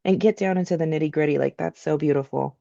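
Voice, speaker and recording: A woman hosting an interview podcast, reading a measured scripted intro and then asking chatty questions. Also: low-pitched, creaky, mellow, highs cut off. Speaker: podcast host.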